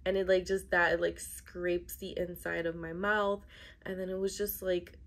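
A woman's voice: lowish voice, level tone, moderate pace, gravelly, a bit bright. A young adult woman chatting casually to camera in a vlog, with an emphatic, complaining way of talking, recorded indoors in a bedroom. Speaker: vlogger.

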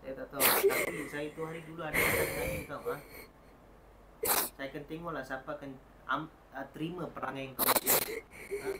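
A man's voice: a little high, steady tone, brisk, long pauses. A man, an ex-husband at a healing session, reproachfully confronting his former wife and repeatedly demanding answers. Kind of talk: confronting, emotional talk. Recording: loud background noise.

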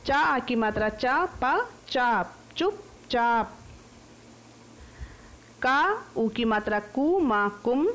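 An Indian woman teacher leads an online class for small children, breaking every word into single syllables. Her delivery is very slow and careful, and her voice sits a little high. A faint hiss runs under the recording. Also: animated, a bit bright. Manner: slow, syllable-by-syllable phonics drilling.

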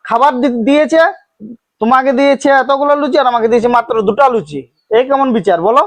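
A man's voice: very high voice, fast. A man with a Manbhum Bengali accent playing an insulted young son-in-law who insists on leaving and airs his grievances. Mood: aggrieved. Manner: aggrieved, insistent. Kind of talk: amateur village comedy drama.

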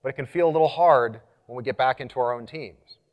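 A man speaking as a conference presenter, energetic and engaging, leading the audience through exercises and getting louder as he rallies the room. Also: medium pitch, fast talker, lo-fi sound. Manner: animated, gets louder when rallying the room. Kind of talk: live conference talk.

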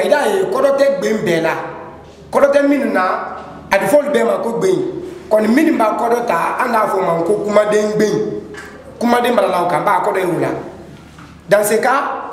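A man teaching a literacy lesson, explaining terms step by step and rephrasing them as he switches between French and Maninka. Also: high voice. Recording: very echoey hall with faint noise.

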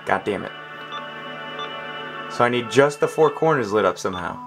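Over music, a man with a lowish, expressive voice at a moderate pace narrates his let's play. As a gaming channel host, he curses frequently in frustration and mutters to himself while puzzling things out.

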